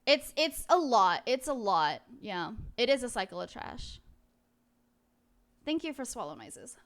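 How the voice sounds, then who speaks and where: High, bright-voiced cutesy woman livestreamer. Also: very animated, a little slow. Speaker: livestreamer, VTuber. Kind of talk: casual livestream chat with viewers.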